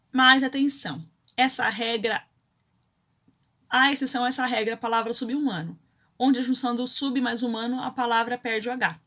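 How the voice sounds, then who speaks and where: A woman's voice: a little high, bright, forceful tone. A Brazilian woman teaching a grammar lesson, explaining rules step by step and often checking in with her students. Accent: Brazilian Portuguese.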